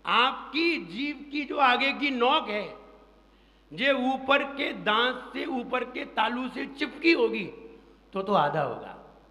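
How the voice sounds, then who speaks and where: A man with a high, bright voice leads a congregation through a recitation lesson. He speaks slowly and drills each syllable, chanting the verse for them to repeat. He is heard in an echoey hall with a long reverb and faint ambience behind him. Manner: slow, drilling repetition, chants verse lines. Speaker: monk teaching recitation. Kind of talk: pronunciation lesson within a sermon.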